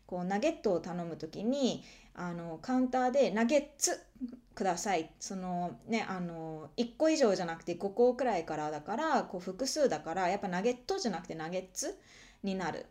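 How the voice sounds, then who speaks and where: A woman who grew up partly abroad, chatting casually and telling stories with lively quoted voices. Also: on the low side, a little fast. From Japan, lived abroad as a child. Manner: chatty storyteller, acts out quoted voices, laughs often. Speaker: podcast co-host. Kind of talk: bilingual casual chat, English and Japanese.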